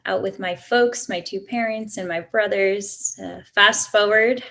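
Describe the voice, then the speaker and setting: A woman's voice: mid-range voice, bright, forceful tone. Chatty woman guest with many ums. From Colombia. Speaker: interview guest. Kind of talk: casual interview answers.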